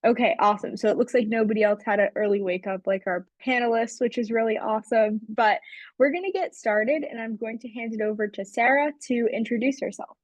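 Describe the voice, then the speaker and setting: A woman's voice: on the high side, a little fast, dry recording. Upbeat young woman hosting a video call. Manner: upbeat, welcoming, reads out chat replies. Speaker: admissions intern moderating a panel. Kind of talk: online info session hosting.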